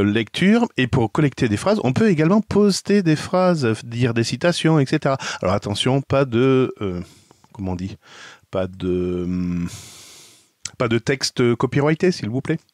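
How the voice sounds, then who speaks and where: A man's voice: mid-range voice, expressive, normal speed, no echo, studio quality. A man with a France French accent, a video blogger chatting casually and explaining a website step by step as he thinks aloud. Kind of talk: casual screen demo. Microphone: headset.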